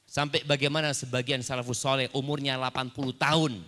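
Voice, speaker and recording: A man's voice: medium pitch, little pitch movement, a little fast, bright, forceful tone, long reverb tail. A man speaking as an ustadz on a panel, giving religious advice to a congregation in a light, joking manner.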